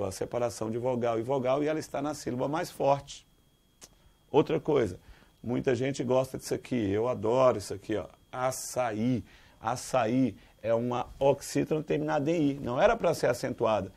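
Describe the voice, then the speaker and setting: A Brazilian man teaching Portuguese grammar for an exam, lively, quizzing his students with questions and calling them dear. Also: mid-range voice, gravelly. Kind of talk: exam-prep grammar lesson.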